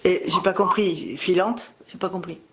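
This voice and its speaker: A woman's voice: on the low side, steady tone, moderate pace, highs cut off, heavy background noise. A mother talking casually over the phone with her young child, in a playful, encouraging way. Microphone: telephone call.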